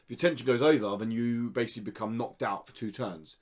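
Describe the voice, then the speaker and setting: A fast talker with a steady tone and mid-range voice, this man co-hosts a podcast and reviews indie games. The chat is casual, and his review is enthusiastic and conversational.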